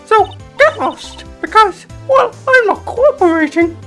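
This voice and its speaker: A woman voicing a rude, scornful young woman who snaps out her insults in a shrill voice. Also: expressive, unhurried, a bit bright, heavily acted. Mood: spiteful. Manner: shrill and snapping. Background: game music.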